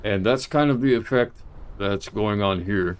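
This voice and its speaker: A man with a fairly low voice talks casually on a live stream. He meanders, trails off and restarts his sentences as he thinks aloud, sometimes turning to address someone off camera. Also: a little slow, smooth. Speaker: livestreamer. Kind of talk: casual rambling livestream monologue.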